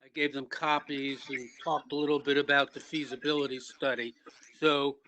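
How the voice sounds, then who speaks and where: Bright-voiced man giving a meeting update. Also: mid-range voice, little pitch movement, normal speed, rough recording. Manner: matter-of-fact reporting, with restarts. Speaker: committee member. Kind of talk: online town committee meeting.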